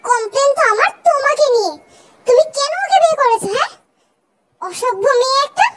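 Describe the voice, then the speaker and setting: A hot-tempered young ex-girlfriend, played by a woman in a comic fan dub. Her very high voice throws out rude threats and insults. A faint hiss runs under it. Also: animated, a little fast. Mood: furious.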